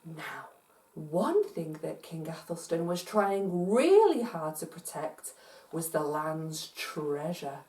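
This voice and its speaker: A woman's voice: low voice, slow pace, recorded from a distance. A woman from Scotland leading an interactive, multi-sensory story for children, speaking directly to listeners at home and encouraging them to join in. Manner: animated, encouraging, talks straight to listeners at home. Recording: roomy echo, voice from off-mic.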